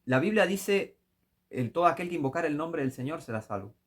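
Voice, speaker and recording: Man, Rioplatense accent, preacher, fiery, scolding, fairly high voice. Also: animated, a little fast. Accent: Rioplatense Spanish. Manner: fiery, scolding, rising to shouts. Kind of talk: critical sermon commentary.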